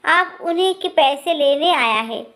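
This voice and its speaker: A shrill, nagging old mother-in-law, put on by a woman storyteller, scolding and exclaiming in high, loud bursts. She talks slowly and complains to the heavens. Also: lively intonation.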